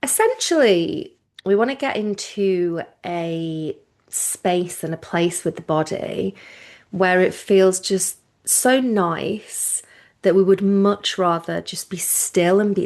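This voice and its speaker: A yoga nidra teacher speaks in a fairly low pitch as she gives relaxed, informal guidance. Her manner is soothing and reassuring, her phrasing unhurried and broken by pauses.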